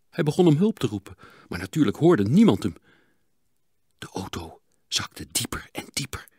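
A man narrating a children's audiobook in an expressive, dramatic reading. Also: mid-range voice, slightly rough, dry recording, studio quality. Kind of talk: storybook narration.

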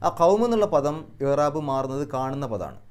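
A man teaching Quran recitation rules and Arabic grammar, explaining patiently step by step and chanting verses slowly, with a Malayali accent. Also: medium pitch, big pitch swings, darkish tone, clean tone.

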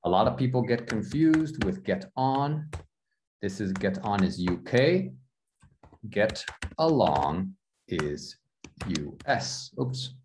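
An American man leads an English lesson over a video call. His low voice swings up and down a lot as he praises and gently corrects his students. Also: very animated, slow, noisy background. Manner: encouraging, corrects gently and repeats phrases. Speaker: English teacher. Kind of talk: online class instruction.

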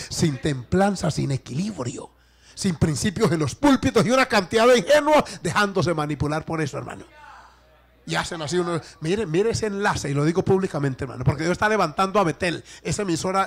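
A man preaching a sermon, calling out to his congregation and swinging between loud exclamations and hushed asides. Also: fairly high pitch, creaky. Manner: calls out to the congregation. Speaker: pastor.

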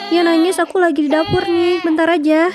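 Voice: very high-pitched, steady tone, a little fast, pitched above the performer's own voice. A young performer raising their voice to play a young wife and new mother in a fan drama, calling out in a light, pleading tone. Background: background music.

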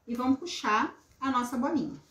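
Craft host, woman in her thirties, animated intonation, casual live delivery, echoey room. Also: high voice, fairly quick. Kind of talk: casual live craft demonstration with chat greetings. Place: small indoor craft room at a table. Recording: roomy echo, some background noise, clicks.

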